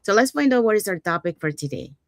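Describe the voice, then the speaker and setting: A woman's voice: mid-range voice, sing-song, fast, no room sound, clean studio sound. A woman from Panama hosting a live online panel talk in an upbeat way, often linking her thoughts with "so" and "you know," over a video call. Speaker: host.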